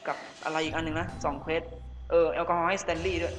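A man's voice: fairly high pitch, level tone, quick pace, a bit bright, soft background music. A man chatting casually as he plays a game, rambling and correcting himself mid-sentence. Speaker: gaming streamer. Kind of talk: casual gameplay commentary.

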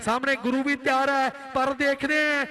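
A man's voice: very high voice, flat delivery, brisk, bright, forceful tone. A man with an Indian Punjabi accent giving live rural sports commentary in a declamatory, verse-like way with repeated phrases. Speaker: kabaddi match commentator.

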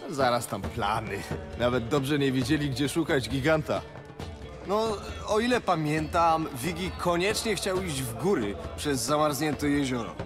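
Folksy, higher-voiced innkeeper. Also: male voice, animated, measured pace, over music. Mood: hearty, folksy. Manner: folksy, earthy, chatty. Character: hearty, talkative middle-aged male innkeeper. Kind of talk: fantasy video game voice acting.

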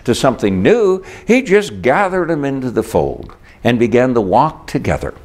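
An older man preaches a sermon from the pulpit. His voice sits at a middle pitch but swings widely up and down, and he tells the story with wry asides. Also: sing-song, moderate pace, a little mellow. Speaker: priest.

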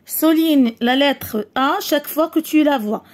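Moroccan lady teacher, high voice, sounds out words real slow for little kids then explains fast. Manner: slow, deliberate word-by-word reading, switching to quick explanations. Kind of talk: primary school French lesson.

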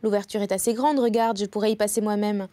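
A wicked old witch from a fairy tale who hungers for children, talking with sardonic scorn, voiced by a woman reading the story. The voice is soft and dark in tone. It is recorded dry and close. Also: mid-range voice, fairly even intonation, quick pace, no room sound, lightly acted. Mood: scornful. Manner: sneering, sardonic.

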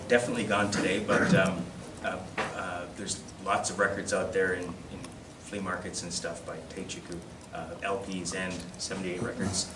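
A lowish-voiced man from a collectors' society gives an informal slide-show lecture in an indoor classroom, hesitant and halting, with self-deprecating asides. A camera across the room captures him distantly, with echo and loud background noise.

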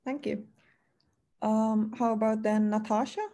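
A woman moderating a panel roundtable over a video call, speaking haltingly with many fillers. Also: a little high, steady tone, mellow. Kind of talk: hosting an online roundtable.

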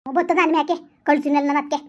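A woman playing a middle-aged village mother who laments and curses loudly, in a comedy skit. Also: high-pitched, little pitch movement, fast talker, lightly acted. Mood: scolding. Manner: loud lamenting and scolding. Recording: dull lo-fi recording.

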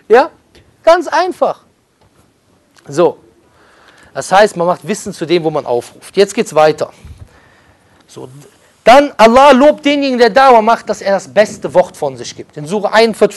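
A middle-aged man giving an informal religious lesson, emphatic, breaking into rapid Arabic recitation. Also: sits high, sing-song. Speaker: religious teacher.

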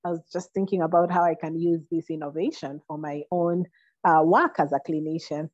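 A woman's voice: sits low, steady tone, brisk, darkish tone, no room sound. A young woman moderating a webinar, thanking the speaker and reading out audience comments on a video call. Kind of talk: closing remarks and reading comments. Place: small indoor room. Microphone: phone or laptop on a video call. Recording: dull, dry video-call audio.

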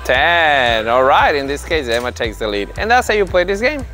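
A man's voice: a little high, very animated, normal speed, pushed and bright, soft background music. A man in his thirties coaching young children on an indoor tennis court, explaining drills to the camera and calling out commands to the kids in an upbeat, encouraging way. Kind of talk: instructional video narration.

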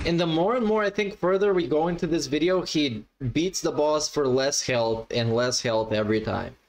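Blunt male streamer, slightly high voice. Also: normal speed. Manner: blunt, mocking, sweary. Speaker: streamer reacting to a gameplay video. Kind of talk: casual reaction commentary. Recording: noisy livestream with game audio.

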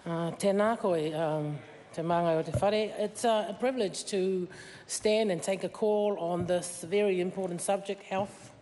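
A middle-aged woman member of parliament whose first language is Tongan gives an earnest speech at a desk microphone, full of fillers and rising emphasis. Her medium-pitched voice is unhurried and dark in tone, with long reverb from the large wood-panelled debating chamber.

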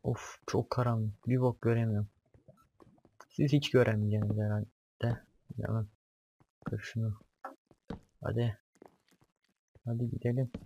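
A man's voice: mid-range voice, little pitch movement, measured pace, pauses often, dark tone, a little hiss or hum. A young man doing casual let's-play commentary, talking to himself as he explores, swearing and jumpy at scares. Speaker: gaming YouTuber.

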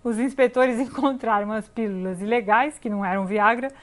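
A woman reads the news live in Brazilian Portuguese with a fairly high voice. She is an anchor losing her composure, struggling to get the lines out through helpless, hysterical laughter. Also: normal speed. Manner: breaking into helpless hysterical laughter while reading. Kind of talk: news bulletin read live.

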